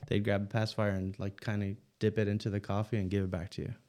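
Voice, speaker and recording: A man's voice: fairly low pitch, flat delivery, fast, darkish tone. A middle-aged man from Miami, a podcast guest telling stories in a laid-back, casual way. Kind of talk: casual chat.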